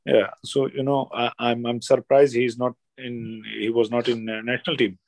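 A man with an Indian accent giving casual football analysis as a guest pundit, halting and repeating himself, often saying "you know". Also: medium pitch, level tone, darkish tone. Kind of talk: casual sports analysis chat.

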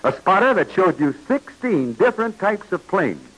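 A man announcing an old 1940s radio serial, pitching to kids in a hearty way. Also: big pitch swings, moderate pace, fairly bright tone, breathy edge, poor audio.

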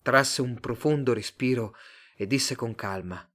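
A man narrating a storybook in a measured, expressive reading voice. His delivery is steady and clear, pacing each sentence with care. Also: medium pitch. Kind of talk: audiobook narration.

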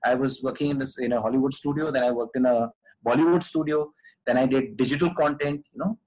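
A man's voice: mid-range voice, fairly even intonation, quick pace, darkish tone, rough recording. Man giving earnest advice. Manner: emphatic, repeats phrases for stress. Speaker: podcast guest, actor.

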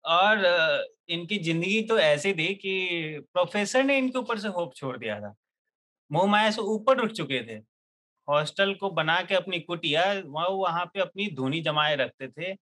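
Bright young man telling comic stories. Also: high-pitched, a little slow. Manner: lively, jokey, laughs often. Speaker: storyteller in a group chat show. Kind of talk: comic storytelling among friends.

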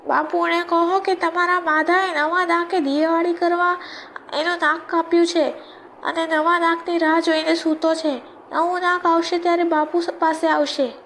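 A woman's voice: sits high, normal speed, slight background noise, lightly acted. Lady doing a dumb bragging barber guy from a kids tale, smug and pleased with himself. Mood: muffled. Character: foolish, boastful village barber man.

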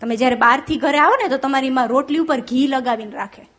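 A woman with a Gujarati accent doing stand-up, telling jokes and stories and reciting verses slowly. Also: high voice, a bit bright. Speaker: stand-up comedian.

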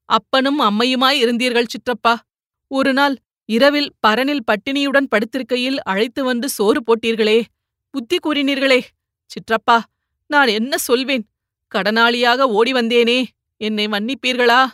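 A woman's voice: on the high side, fairly even intonation, unhurried, a bit bright, no echo, studio quality. A woman doing a sobbing, remorseful young man. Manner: pleading, tearful. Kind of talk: audiobook reading.

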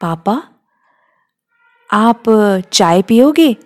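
Brief: a woman as a young bride-to-be, light and teasing, fond, a little high. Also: animated, extremely slow, a little mellow. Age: 20s. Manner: teasing, affectionate. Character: young bride-to-be daughter, playful and caring.

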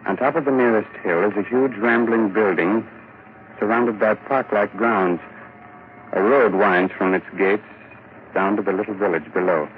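A man playing a macabre, mock-courteous horror host and narrator on old-time radio, sardonic and theatrical. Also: low-pitched. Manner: sardonic, ghoulishly teasing, theatrical. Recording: muffled, noisy vintage radio recording.

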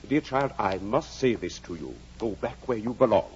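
A husky, fatherly old-time country doctor. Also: lowish voice, animated, moderate pace, darkish tone. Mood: grave. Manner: dryly witty, fatherly. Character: kindly blunt middle-aged country doctor. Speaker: Doctor Kenneth. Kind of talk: 1940s radio acting. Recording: dull old radio broadcast.

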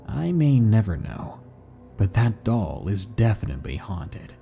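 A man narrating spooky stories in a slow, hushed, dramatic way. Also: fairly low pitch, sing-song, gravelly, faint music behind. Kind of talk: scripted story narration.

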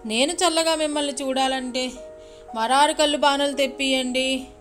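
A woman voicing a male village shaman possessed by a furious goddess, shouting threats in a raised, strained voice. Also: high voice, steady tone, faint music behind, pitched above the performer's own voice. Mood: furious, raging. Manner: shouting, threatening, drawn-out menacing cries. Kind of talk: storytelling.

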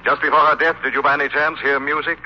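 A man's voice: flat delivery, a little hiss or hum, close to an everyday voice. The Shadow, as a man voices him, looming and cold. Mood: menacing. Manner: slow, looming, drops low on key words. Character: invisible menacing male avenger, commanding and cold. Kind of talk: 1930s radio drama acting. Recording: muffled old radio broadcast.

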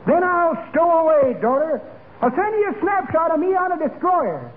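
An actor playing a spry, cheeky, folksy old man with a high old-timer voice in a 1940s radio comedy. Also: big pitch swings, normal speed. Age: older. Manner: folksy, old-fashioned drawling sayings. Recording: tinny, very noisy 1940s radio recording.

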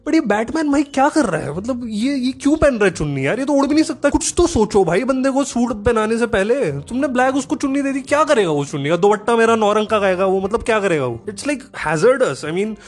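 A man delivering a sarcastic, animated comedic rant, peppered with swearing and quick asides. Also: extremely high pitch.

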